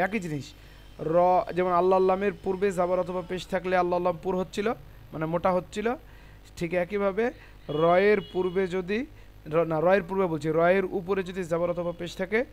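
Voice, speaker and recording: A man teaching Quran recitation to a class. He spells out letters and vowel marks, then says each word slowly and loudly, and often asks the class questions. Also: sits high, steady tone. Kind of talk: classroom lesson. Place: classroom with a board.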